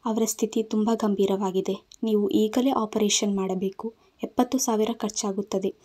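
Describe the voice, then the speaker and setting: A woman's voice: mid-range voice, fairly even intonation, normal speed, dark tone, breathy edge, natural voice. A woman voicing a serious male hospital doctor who speaks in a grave, matter-of-fact way.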